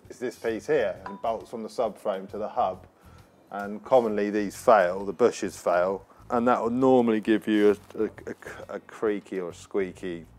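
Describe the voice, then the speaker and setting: Mechanic, lowish voice, chatty and casual, workshop, faint music. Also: male voice, normal speed, darkish tone. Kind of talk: explaining in a workshop. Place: car workshop indoors.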